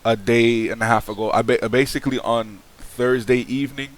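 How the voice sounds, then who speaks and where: A man's voice: medium pitch, fairly even intonation, moderate pace. A young man talking casually to the camera in a loose, slangy way, full of fillers and restarts, frankly airing a grievance. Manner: aggrieved, frank venting. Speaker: vlogger. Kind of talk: casual vlog monologue.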